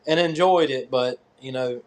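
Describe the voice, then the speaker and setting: A man from North Carolina with a Southern US accent, answering interview questions casually and haltingly as a competitor. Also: mid-range voice. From North Carolina, USA. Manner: hesitant, halting. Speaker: tractor pull competitor and track organizer.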